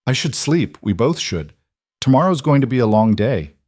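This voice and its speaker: A man voicing a guarded, lonely frontier woman who speaks softly and haltingly in an audiobook story. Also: mid-range voice, sing-song, no room sound, clean studio sound, voice pushed up. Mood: gentle.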